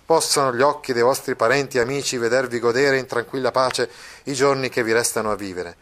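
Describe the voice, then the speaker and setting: A man's voice: mid-range voice, fairly even intonation, a little fast, a bit bright, natural voice. A man voicing a young male puppet-show narrator with a declamatory, ornate delivery, read aloud from a novel. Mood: declaiming.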